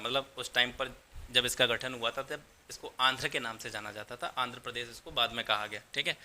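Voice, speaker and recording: Male exam-prep lecturer, crisp ringing tone, methodical explainer who doubles up key terms. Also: mid-range voice, sharp tone. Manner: explanatory, mixes English terms, repeats points in Hindi. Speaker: history teacher.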